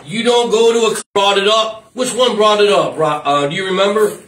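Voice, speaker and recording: A man's voice: high-pitched, fairly even intonation, normal speed, a bit bright, recorded from a distance. A man preaching an informal sermon as pastor, repeating phrases and breaking off into asides. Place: church. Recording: echoey room, mic from afar.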